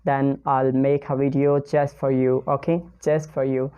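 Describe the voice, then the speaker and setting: Woman teaching pronunciation online, smooth voice, chatty, keeps repeating herself. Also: extremely low pitch, flat delivery, measured pace, narrow, tinny audio. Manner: chatty, repeats herself, addresses viewers directly. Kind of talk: casual online lesson.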